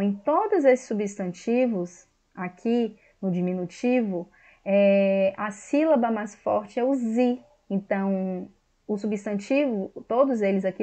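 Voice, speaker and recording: Slow-talking Brazilian woman teacher. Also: mid-range voice, darkish tone. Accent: Brazilian Portuguese. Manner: slow, explanatory, repeats words and checks with "tá certo?". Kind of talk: video lesson on grammar.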